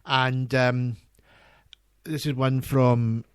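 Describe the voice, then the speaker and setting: A man hosting community radio talks earnestly and with real enthusiasm, his delivery halting and chatty. His mid-range voice comes through a close studio mic with a dry, dead sound and no room around it. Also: mid-range voice, flat delivery, clear, resonant tone, dry recording. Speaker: radio presenter.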